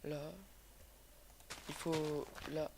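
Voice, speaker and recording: A man's voice: a little high, monotone, very slow. A young man giving casual, slangy gameplay commentary, hesitant and sweary, his voice sick from a sore, swollen throat. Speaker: gaming video host. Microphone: cheap computer microphone. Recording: noisy cheap microphone with clicks.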